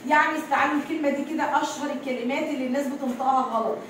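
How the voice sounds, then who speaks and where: A woman with an Egyptian Arabic accent teaching English, slowly reading a story aloud, translating it and drilling sounds over and over. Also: high-pitched, fairly even intonation. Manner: slow reading, repeating sounds many times. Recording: echoey room, mic far off, light noise.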